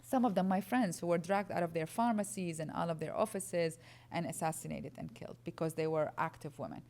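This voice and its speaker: A woman's voice: on the low side, brisk, a little mellow. A woman from Iraq, earnestly explaining as a guest speaker answering audience questions at a lecture.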